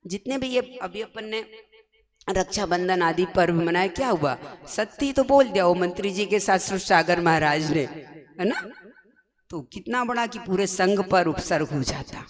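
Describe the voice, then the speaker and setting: A woman, a Jain nun, giving a sermon, telling stories in slow, emphatic phrases. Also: on the low side, animated. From India.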